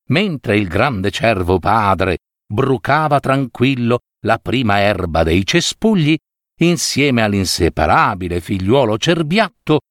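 A man reading fables aloud as a storyteller, expressive and lingering. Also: medium pitch, dry recording, studio quality.

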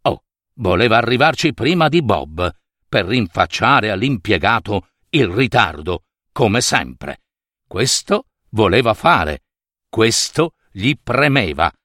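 A man narrating a story in a theatrical, expressive way. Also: fairly low pitch, takes it slowly, no echo, studio quality.

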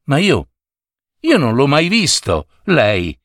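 A man voicing a lonely invisible schoolboy who calls out and pleads in a high, tearful voice. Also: huge pitch swings, slow, fairly bright tone, no room sound, clean studio sound, full character voice. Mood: hopeful. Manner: high, crying pleas.

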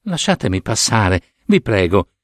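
A man voicing a humble, kind young princess in a storybook reading, speaking gently and pleadingly. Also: fairly low pitch, big pitch swings, a little slow, dry recording, studio quality, pitched below the performer's own voice.

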